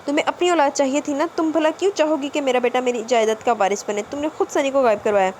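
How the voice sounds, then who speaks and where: A woman reads the part of a young husband in a storybook narration, his lines delivered in a high voice. He speaks softly and tenderly, then turns harsh and accusing. There is a faint hiss behind the reading. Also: close to an everyday voice. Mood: furious. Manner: soft and tender, turning to harsh shouting.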